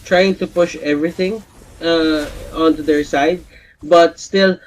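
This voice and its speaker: A man doing live play-by-play commentary on an esports match, shouting high and excited in big plays. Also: takes it slowly, rough recording. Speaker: esports caster.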